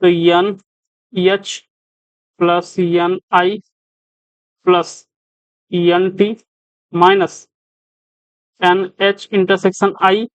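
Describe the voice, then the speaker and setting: Male coaching teacher, talks through sums, asks the class as he goes, crisp dry sound. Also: high-pitched, level tone, very slow, long pauses, no room sound, highs cut off. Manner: repeats questions to the class as he works. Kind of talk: step-by-step problem solving lesson.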